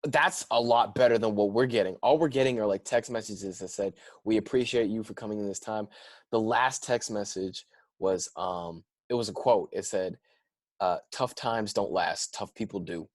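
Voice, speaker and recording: A man's voice: lowish voice, normal speed, no echo, studio quality. A young man with a Southern US accent, a comedian chatting casually as a guest on a podcast recorded over a video call, rambling and laid-back. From Georgia.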